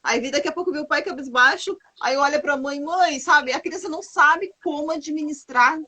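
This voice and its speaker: A woman's voice: sits high, moderate pace, sharp tone. A woman co-hosting a live stream, asking long, searching questions. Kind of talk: casual live-stream interview.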